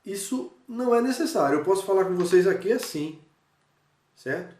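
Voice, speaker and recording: A male teacher giving a recorded review lesson, speaking straight to his students and checking in often with quick questions. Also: high voice, animated, darkish tone. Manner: talks straight to students, checks in with frequent "certo?" and "né?"; demonstrates with gestures and changes of voice. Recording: echoey room, voice from a distance.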